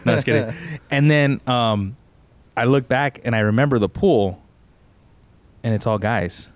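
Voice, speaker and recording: Telling a meandering, relaxed story on the podcast he co-hosts, this young Tucson, Arizona man keeps throwing in "bro" during the casual chat. He talks a little slowly in a mid-range voice, and there's no echo.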